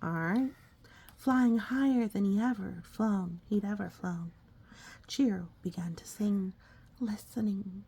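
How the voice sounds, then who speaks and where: Taking it slowly, a mother with a warm, medium-pitched, slightly breathy voice reads a picture book aloud on a phone recording. She chats with her small child about the story, asking things and echoing the child's questions.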